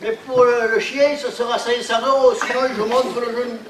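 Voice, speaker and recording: A loud crowd surrounds this amateur stage comedy, where a male actor with a very high-pitched voice and flat delivery plays a hapless man pretending to be a Swiss buyer. At a normal pace he bumbles, adds "hein" to his lines, and laughs a lot. The theatre sound is roomy and far off, picked up by a distant room mic amid audience noise.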